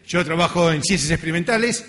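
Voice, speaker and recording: A research scientist lectures informally, a middle-aged man with a Latin American accent who keeps things conversational and pokes fun at himself. His voice is fairly high and a bit bright, with a quick pace, echoing in a reverberant lecture hall.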